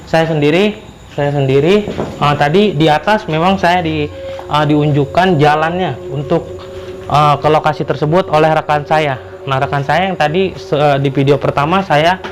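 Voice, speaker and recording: Exploring an abandoned, roofless house and its overgrown grounds in drizzle, a male vlogger narrates to his viewers in a slightly high voice. He speaks haltingly and repeats his phrases often, with music behind him and poor audio quality.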